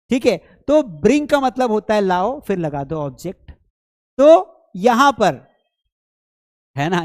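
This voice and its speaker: A man with an Indian accent, a Hindi speaker, giving a chatty, teasing online English lesson, his voice strained from an hour of talking. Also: high voice. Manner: chatty, teasing, addresses students as beta. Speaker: spoken English teacher. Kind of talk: live online lesson, playful lecturing.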